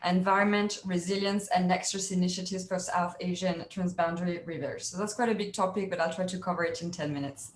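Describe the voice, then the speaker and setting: Lively woman presenting over a video call. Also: lowish voice, brisk, hardly any pauses. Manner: polite, lively, with frequent fillers. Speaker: keynote speaker. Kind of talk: webinar presentation. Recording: roomy with faint noise.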